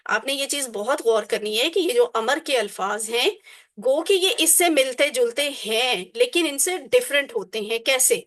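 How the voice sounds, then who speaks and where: A woman teaching a class on Quranic Arabic, drilling word forms slowly and deliberately, then explaining them. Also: sits high, a bit bright.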